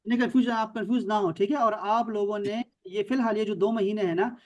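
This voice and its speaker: High-voiced Pakistani Arabic teacher. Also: male voice, steady tone, dull audio. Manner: explains patiently, repeats words, checks with students. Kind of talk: online class teaching.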